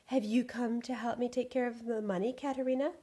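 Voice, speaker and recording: A woman's voice: mid-range voice, lively intonation, normal speed, dark tone. A woman reading the lines of a stuffy, dismissive male bank manager in a storybook. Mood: exclaiming.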